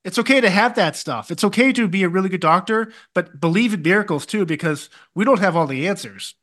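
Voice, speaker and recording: A man's voice: sits high, expressive, brisk, fairly bright tone. A man co-hosting a podcast, telling a personal story in casual, emphatic, colloquial speech. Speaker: podcast co-host.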